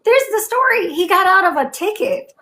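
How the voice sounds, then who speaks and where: High-pitched excitable Southern woman host. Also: a little fast, background noise. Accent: Southern American. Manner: enthusiastic, exclamatory. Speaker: podcast host. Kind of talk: casual interview chat.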